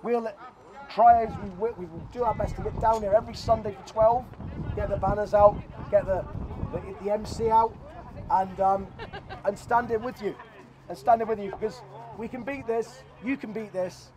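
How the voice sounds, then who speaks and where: A middle-aged Scottish man is organising a protest outdoors beside a hotel car park, urging people on through a handheld megaphone in a practical, pushy way. His voice sits high with fairly even intonation at normal speed. The recording is rough, with crowd noise behind the megaphone.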